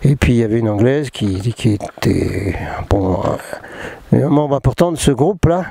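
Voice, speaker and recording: A spiritual channeler hosts a casual talk, blending reading with asides as he rambles about spiritual matters. His medium-pitched voice is gravelly, husky and warm, expressive at a normal speed. He jokes at his own expense and keeps restarting his sentences.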